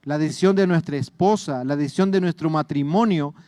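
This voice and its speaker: Salvadoran pastor preaching, high voice. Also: male voice, a little fast, a little mellow, dry recording, studio quality. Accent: Salvadoran Spanish. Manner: earnest, repeats words and addresses listeners as brothers. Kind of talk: sermon.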